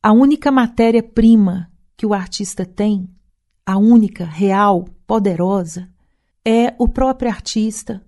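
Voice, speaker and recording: A woman's voice: mid-range voice, darkish tone. A woman singer speaking thoughtfully in an interview, often adding a questioning tag to her sentences. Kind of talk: reflective interview talk.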